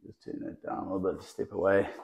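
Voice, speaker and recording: A man showing off a lively python outdoors on camera, chatty and laughing, talking to the snake as it wraps around his clip-on mic. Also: low-pitched, fast, gravelly, low-quality recording. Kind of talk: casual hands-on video chat. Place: outdoors in the sun. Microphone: clip-on mic the snake keeps wrapping.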